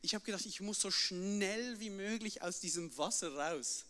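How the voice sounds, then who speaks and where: A young man telling a personal story live to an audience, animated and often ending sentences with a questioning tag. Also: high-pitched, normal speed. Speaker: storyteller on stage. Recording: reverberant hall.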